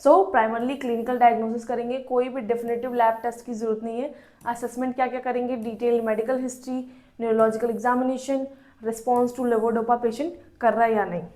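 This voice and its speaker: A woman's voice: fairly high pitch, level tone, fairly quick, dark tone. A woman giving a nursing exam-prep lecture, asking questions and answering them herself, repeating key terms.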